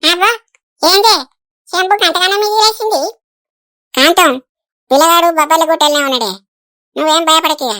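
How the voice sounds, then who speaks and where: A woman's voice: extremely high pitch, moderate pace, pauses often, pushed and bright, dry recording, clean studio sound. A woman voicing a bossy, boastful village diviner in a cartoon, speaking with a Telangana Telugu accent.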